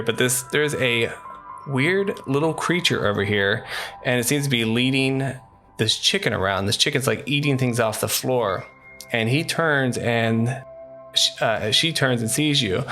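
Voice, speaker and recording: A man's voice: mid-range voice, normal speed, sharp tone, faint music behind. A man narrating as game master of a tabletop game, casual and loose, with restarts.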